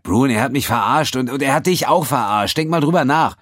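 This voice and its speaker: A man's voice: sits low, very animated, unhurried, dry recording, clean studio sound, pitched above the performer's own voice, heavily acted. A man voicing a panicky, hot-tempered male captive in an audiobook, agitated and snapping. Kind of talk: audiobook character voice.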